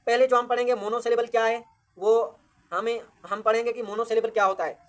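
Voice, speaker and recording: A woman teaches grammar in a fairly high voice. She works through each point by asking a question and then answering it herself. English definitions come out slowly and with care. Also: little pitch movement. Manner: slow, deliberate reading of English definitions. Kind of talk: classroom-style grammar lesson.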